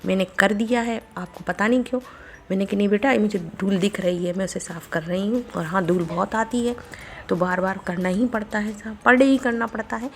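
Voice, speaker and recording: Chatty homely woman, gravelly voice. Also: medium pitch, a little fast, slight background noise. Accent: Bundelkhandi Hindi. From India. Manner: chatty, homely, retells family talk. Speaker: vlogger. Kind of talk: casual daily vlog narration. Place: home, kitchen.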